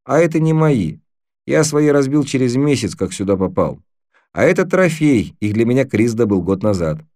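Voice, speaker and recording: A good-natured, matter-of-fact boy, as a male storyteller puts him on. The voice is lifted well above the reader's own and the tone stays dark. The recording is close and dry. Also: medium pitch, very animated, moderate pace, dry recording, natural voice.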